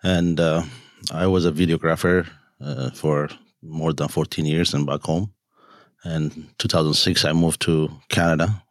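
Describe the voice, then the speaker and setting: A man from Ethiopia answering in a studio panel interview, halting and with many fillers. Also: rumbling low, steady tone, no echo. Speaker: entrepreneur and nonprofit founder.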